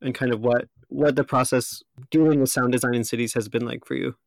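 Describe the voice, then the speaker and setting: A man hosting a podcast, who introduces his guests and asks them measured, curious questions. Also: medium pitch, fairly even intonation, creaky. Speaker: podcast host. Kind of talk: podcast interview.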